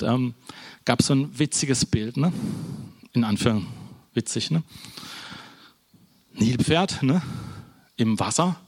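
A man preaching an informal sermon in a church hall, talking to the congregation in a casual, conversational way. Almost every phrase ends with a questioning "ne?", and he often stumbles, restarts and corrects himself mid-sentence. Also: medium pitch. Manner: conversational, keeps adding a questioning "ne?"; false starts and self-corrections.

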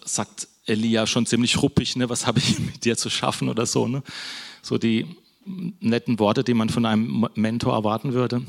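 Gravelly man preaching casually. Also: mid-range voice. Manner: conversational, frequent "ne?" tags. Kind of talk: casual sermon.

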